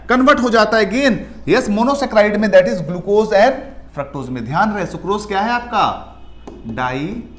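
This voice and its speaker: High-voiced man teaching biology. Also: a bit bright. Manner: asks questions and answers them himself; mixes in English terms, stretches key words slowly. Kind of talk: exam-prep lecture over slides.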